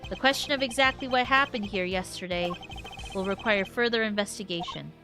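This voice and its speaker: A composed, formal male prosecutor, played by a woman. The voice is low and careful. Game music sits under it. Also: natural voice. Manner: measured and formal.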